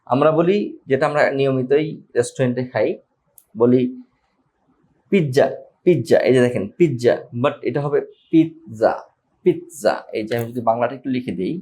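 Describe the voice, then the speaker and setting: Slow-drilling male pronunciation teacher. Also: medium pitch, a little mellow. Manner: slow, repeats each word several times; addresses viewers as brother. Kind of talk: informal pronunciation lesson.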